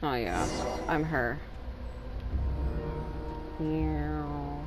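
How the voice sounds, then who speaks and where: Speaking extremely slowly in a deep voice, a woman rambles through casual let's-play commentary as a gameplay streamer. She's candid and curses freely, and game music plays underneath.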